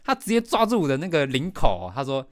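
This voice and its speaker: A middle-aged man with a Taiwanese Mandarin accent hosts a podcast, telling a story in an animated way with lots of fillers and laughs. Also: a little high, quick pace, no echo, studio quality. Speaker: podcast host. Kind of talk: casual storytelling.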